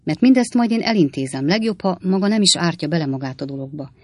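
A reader plays a sly, knowing man who teases in a measured, low way. The recording is dry and close, like a studio audiobook. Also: lively intonation, no echo, lightly acted. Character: sly, knowing male traveller. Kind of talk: audiobook reading.

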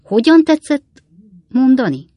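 A woman voicing a cheeky, quick-witted young male servant who teases with mock innocence. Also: sits high, very animated, mellow, dry recording, pitched above the performer's own voice. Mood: teasing.

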